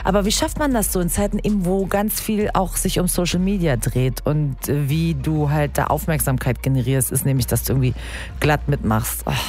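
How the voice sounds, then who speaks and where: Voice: mid-range voice, normal speed, a little mellow. A radio host doing a casual interview, chatty and joking while asking questions.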